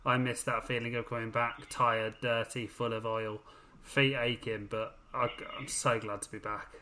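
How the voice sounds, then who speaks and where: A man's voice: mid-range voice, level tone, moderate pace, bright, forceful tone, slight background noise. A man with a Birmingham accent on a podcast panel, earnest and friendly in his closing thoughts. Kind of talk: casual panel chat.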